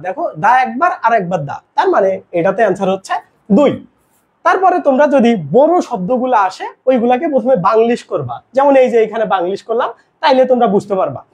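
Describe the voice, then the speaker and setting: A teacher speaking runs a live online grammar lesson. The delivery swings animatedly up and down in pitch, loose and conversational with English words mixed in. They keep asking the class questions and answering them right away. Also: big pitch swings, quick pace, a little mellow. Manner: casual, mixes in English words.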